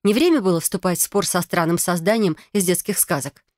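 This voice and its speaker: A woman narrating a first-person fantasy audiobook in an even, wry storytelling manner. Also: fairly low pitch, brisk, dry recording, clean studio sound.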